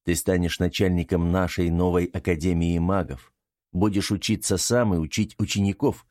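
A steady young man talks calmly and reassuringly, read by a man in an audiobook. His voice is very deep and dark. The sound is dry and close. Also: moderate pace, no room sound, natural voice. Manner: calm, reassuring. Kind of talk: audiobook character reading.

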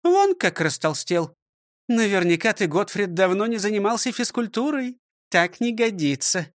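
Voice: medium pitch, very animated, moderate pace, no room sound, studio quality, pitched above the performer's own voice, close to an everyday voice. A reader voicing a strict elderly woman schoolteacher who scolds and commands, in an audiobook reading. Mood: stern. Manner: scolding, commanding, counts out exercises.

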